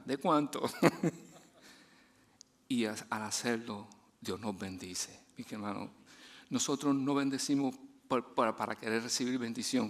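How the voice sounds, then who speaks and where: Telling stories in a chatty manner, a man preaches as a guest preacher, frequently laughing and starting his sentences over. For his key points, his voice goes soft and low.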